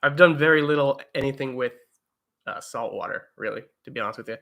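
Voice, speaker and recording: Young male streamer, bright voice, loose rambling delivery full of "uh"s. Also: medium pitch, quick pace, vocal fry. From eastern United States. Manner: rambling, lots of fillers and restarts. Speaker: livestream host. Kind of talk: casual live chat reading viewer comments. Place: home, indoors.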